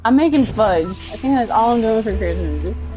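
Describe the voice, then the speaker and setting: Congested gamer woman, foul-mouthed and high-pitched; music behind her. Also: expressive, normal speed, mellow, low-quality recording. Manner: swears a lot, laughs often. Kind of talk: casual chat while gaming.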